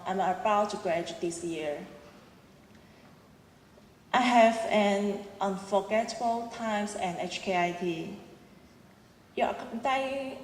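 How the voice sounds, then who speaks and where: This is a medium-pitched young woman in her twenties from Hong Kong, a student speaker with a Cantonese accent, giving a sincere prepared speech at a ceremony with occasional small restarts. A little hiss or hum sits under the audio, and the large auditorium adds an echoey, roomy reverb.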